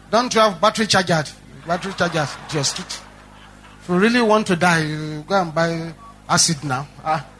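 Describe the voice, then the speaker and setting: Nigerian pastor, sermon storytelling, high and bright, repeats his lines. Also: slight background noise. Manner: animated storytelling with repetition.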